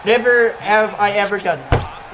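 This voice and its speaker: Man, very high pitch, loud, cocky, joking gamer commentary. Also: steady tone, moderate pace, crowd noise, rough recording. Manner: loud, cocky, playful trash talk. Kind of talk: trash-talking game commentary.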